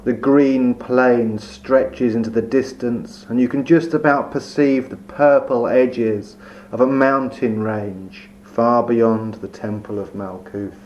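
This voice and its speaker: A man guiding a meditation, speaking very slowly and softly with long, calm pauses. His voice sits at an ordinary pitch. The recording is dull and lo-fi with a faint hum underneath. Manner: slow, soft, soothing delivery with long pauses. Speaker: meditation guide. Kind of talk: guided meditation.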